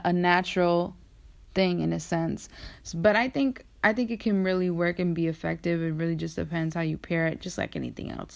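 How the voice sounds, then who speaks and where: A woman hosts a podcast, chatting casually about fashion in an informal, slangy style. Her voice is on the low side, with vocal fry.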